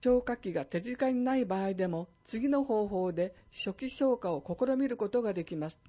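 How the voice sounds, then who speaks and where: A woman reads a fire safety announcement in a measured, even way. Her voice is warm and mellow, and the recording sounds a little dull and lo-fi. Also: mid-range voice. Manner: clear, measured reading of safety tips. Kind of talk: scripted public service announcement.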